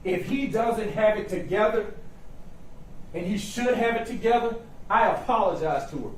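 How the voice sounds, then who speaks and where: A man's voice: sits high, moderate pace. A man, a defense attorney, delivering an impassioned closing argument to a jury in a folksy, emphatic way with short repeated phrases. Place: courtroom, recorded from a distance. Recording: roomy echo, distant mic, faint noise.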